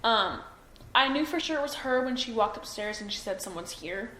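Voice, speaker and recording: A woman's voice: a little high, animated, fairly quick, sharp tone. A young woman being interviewed by police, hesitant and full of ums and self-doubt. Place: interview room. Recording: echoey room, faint noise.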